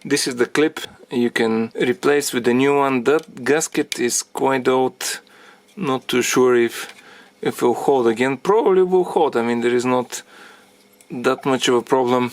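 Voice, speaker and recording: A man explaining a car repair as he works on it, thinking aloud in halting phrases and getting out of breath from the effort. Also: medium pitch. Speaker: DIY car repair presenter. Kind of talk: hands-on repair tutorial.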